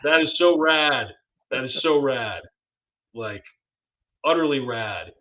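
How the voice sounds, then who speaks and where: A man's voice: mid-range voice, lively intonation, slow, bright, forceful tone, dull audio. A man co-hosting a podcast in casual chat, a former English teacher who talks in a playful, wordy, jokey way. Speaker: podcast co-host.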